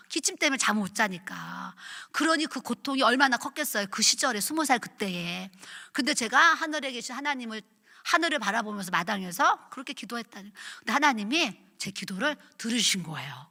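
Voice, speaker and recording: Woman pastor, middle-aged, animated testimony sermon, bright voice, echoey church hall. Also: a little high. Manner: animated, chatty storytelling, emphatic and acting out quotes. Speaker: pastor, guest revival speaker. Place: church sanctuary at a revival meeting.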